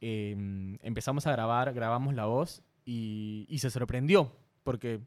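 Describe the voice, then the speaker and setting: Mid-pitched man from Peru, earnest guest storyteller, a bit shy, lots of restarts. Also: unhurried. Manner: earnest, self-conscious, frequent restarts. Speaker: guest content creator. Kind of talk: casual interview storytelling.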